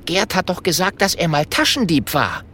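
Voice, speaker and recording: A woman voicing a clever, eager little boy dragon, speaking in an excited, quick-thinking way. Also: on the low side, husky, pitched above the performer's own voice, full character voice.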